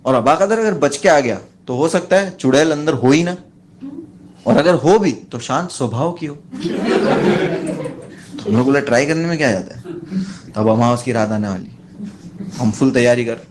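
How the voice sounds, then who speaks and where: A man doing standup, telling a long comic story and putting on high voices for the people in it. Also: moderate pace, slight background noise. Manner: animated, jumps into high voices for friends in the story. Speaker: standup comedian.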